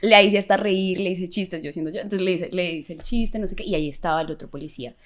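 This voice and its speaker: A young woman telling a personal story in a casual, animated way, acting out the people she met. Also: fairly low pitch, fast. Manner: animated, acts out the voices of the people in her story. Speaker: podcast guest sharing a testimony.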